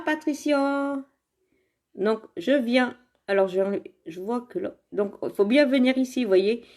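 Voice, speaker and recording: A woman with a fairly high, darkish-toned voice chats and rambles her way through a casual live makeup demo at home, recorded on a phone camera in front of her. Hailing from around Saint-Étienne, France, she sells makeup directly, laughs often, and greets viewers by name.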